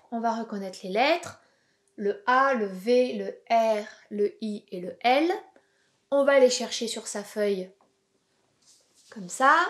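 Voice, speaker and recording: A woman, a preschool teacher giving a home-school video lesson to young children in a slow, clear, encouraging way. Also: fairly high pitch.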